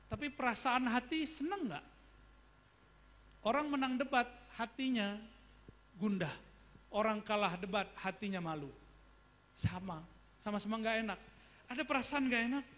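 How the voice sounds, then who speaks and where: A man's voice: high-pitched, fairly bright tone. A man giving a religious study lecture, talking casually and often asking his listeners questions. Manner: conversational, asks the audience questions. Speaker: preacher. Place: study gathering.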